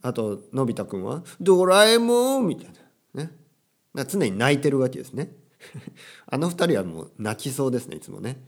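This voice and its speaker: A man's voice: medium pitch, big pitch swings, brisk. A young man teaching casually, with playful quotes of characters and phrases. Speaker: Japanese teacher. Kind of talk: casual language lesson.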